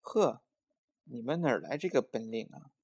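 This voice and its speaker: A man's voice: mid-range voice, sing-song, normal speed, a little mellow, husky. A man voicing a mother who scolds her children in an exclaiming but caring way. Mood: alarmed.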